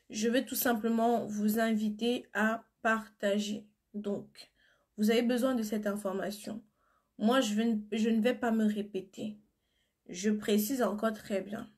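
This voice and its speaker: Her voice is medium-pitched with a darkish tone as this beauty seller, battling a cold and flu, runs a casual live stream from her phone. She replies to viewer comments and gets blunt whenever she insists on a point.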